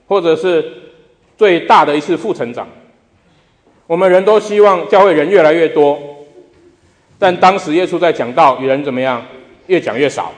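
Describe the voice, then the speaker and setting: A man preaching a sermon as pastor, putting rhetorical questions to the congregation and repeating phrases for emphasis. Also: fairly high pitch. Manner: emphatic repetition. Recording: long reverb of a large hall.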